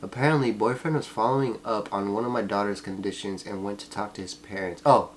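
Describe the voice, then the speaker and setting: A man's voice: on the low side, steady tone, brisk, a crowd in the background. A man co-hosting a podcast, reading Reddit posts aloud and breaking off to joke and laugh. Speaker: podcast co-host.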